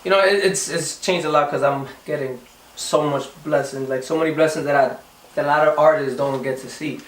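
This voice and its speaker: A man's voice: fairly high pitch, steady tone, a little fast, roomy sound, recorded from a distance, low-quality recording. A young man from the Dominican Republic, a singer answering interview questions casually, often restarting and repeating words. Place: recording studio.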